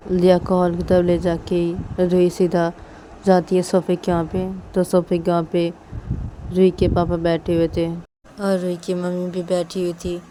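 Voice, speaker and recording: A woman's voice: on the low side, warm tone, slight background noise, rough recording. A woman telling a serial love story in a plain, loosely linked retelling. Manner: plain retelling with many linking words.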